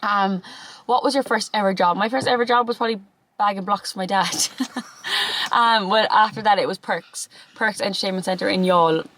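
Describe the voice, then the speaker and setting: A young Irish woman in her twenties chats casually and bubbly, rambling with plenty of fillers. Her voice sits in a middle pitch. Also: normal speed, a bit bright, rough recording. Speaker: YouTuber. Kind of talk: casual chat.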